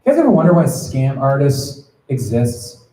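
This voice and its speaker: With big pitch swings, a dark tone, and normal speed, his mid-range voice fills an echoey room during a sermon for students. The pastor talks casually, checks on his audience, and performs his story characters' voices.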